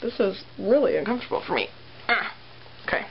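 A woman's voice: mid-range voice, lively intonation, a little fast, vocal fry. A young woman vlogging casually at home, giggly and teasing. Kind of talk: casual chat. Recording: dull lo-fi camera audio with hiss.

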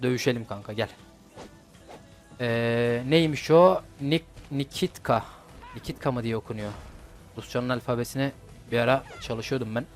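A young man talks through a mobile fighting game. He is casual and slangy, swears at his opponents and sounds like he is chatting with his viewers. His voice sits at a medium pitch, with soft game music underneath. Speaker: gaming YouTuber. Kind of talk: casual gameplay commentary.

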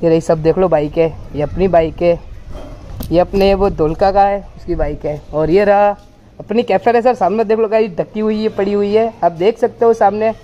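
Riding along outdoor roads, a young vlogger talks to his viewers as guys in a chatty motorbike video. He has a high voice and a moderate pace. The sound is dull and full of loud traffic and road noise.

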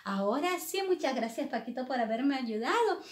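A middle-aged woman telling a story to young children, animated and addressing them by name. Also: sits high, moderate pace, roomy sound.

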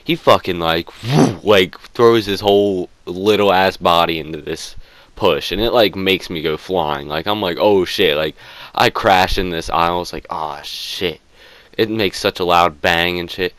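A man's voice: deep voice, normal speed, fairly bright tone, dry recording. A man telling a storytime tale in a casual, rambling way, with lots of filler words and swearing.

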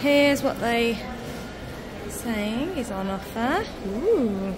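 A woman's voice: on the high side, expressive, very slow, a crowd in the background. A woman filming a casual family vlog, chatting upbeat about breakfast with her kids in a large diner. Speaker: family vlogger and mother.

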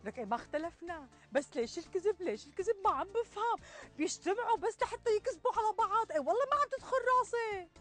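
Very high-pitched indignant Syrian woman. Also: very animated, very fast, hardly any pauses, darkish tone, faint music behind. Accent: Syrian Arabic. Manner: exclaiming, complaining, rhetorical questions. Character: indignant, chatty middle-aged village woman. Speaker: actress in a TV sketch. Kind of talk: dramatic sketch dialogue. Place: outdoors in a leafy garden.

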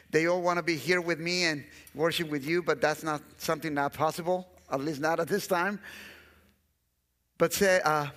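A middle-aged Guatemalan guest pastor with a Guatemalan Spanish accent preaches an earnest sermon from a large church stage, often repeating phrases for emphasis. His voice is fairly high and fairly bright, and the long reverb of a church hall fills the recording.

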